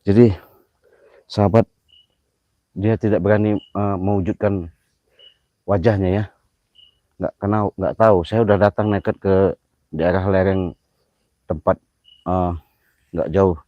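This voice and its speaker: A man live-streaming a night ghost hunt outdoors on a hillside, who yells challenges at spirits and mutters prayers in between. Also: low voice, steady tone, a little slow, long pauses, dry recording, muffled recording. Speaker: paranormal vlogger.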